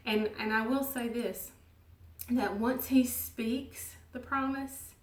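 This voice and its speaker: A woman giving an earnest, gentle devotional teaching, at times dropping her voice very low. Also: steady tone, takes it slowly. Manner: gentle and earnest, soft laughs, drops to near whisper. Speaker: ministry leader. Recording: roomy sound from a distance.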